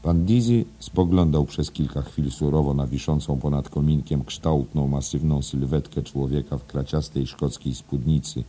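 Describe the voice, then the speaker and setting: A man reading a literary audiobook in a measured, even way. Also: rumbling low, slightly rough. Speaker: audiobook narrator. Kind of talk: scripted literary narration.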